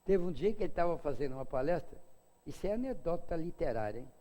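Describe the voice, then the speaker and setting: A man's voice: big pitch swings, quick pace, warm tone, in a large hall. An older man from Brazil giving a casual spiritist lecture, chatty and humorous, with asides to his audience. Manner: acts out quoted voices in a high pitch.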